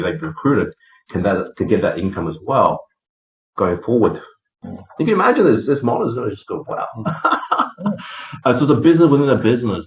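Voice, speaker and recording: A man hosting a casual business meeting over a group voice call. He talks in a chatty way, with many fillers and laughs between points. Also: low voice. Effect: group voice call, heard over a conference line. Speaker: meeting host for a real estate network. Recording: tinny echoey call line with faint hiss.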